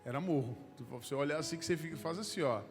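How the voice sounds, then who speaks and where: A middle-aged man preaches in a church, spinning an anecdote and calling out to the brethren. His voice sits fairly high for a man. Music plays underneath, and his words trail off in the long reverb of the hall. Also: rapid-fire. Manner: lively anecdotal, addresses listeners as brother. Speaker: pastor. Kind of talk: storytelling sermon.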